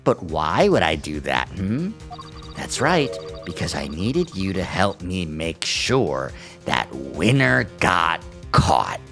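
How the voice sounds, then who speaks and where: A man's voice: very animated, vocal fry, music in the background, full character voice. A man doing a smug caller behind a voice changer. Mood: taunting. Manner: taunting, smug, slow and drawn out. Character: mysterious male caller with a voice changer. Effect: voice changer disguise, deepened. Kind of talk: let's play character voicing.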